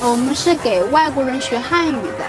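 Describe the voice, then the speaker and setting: A woman hosts a casual vlog for Chinese learners on location in a busy market, simply naming and repeating items as she goes. Her voice is high-pitched and animated at a moderate pace, with music in the background.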